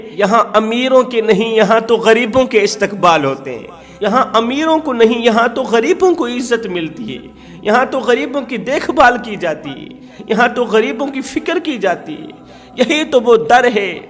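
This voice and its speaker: A man's voice: very high voice, voice pushed up. A man preaching voices a humble ruler who speaks solemnly to a poor man, repeating his lines with rising emphasis.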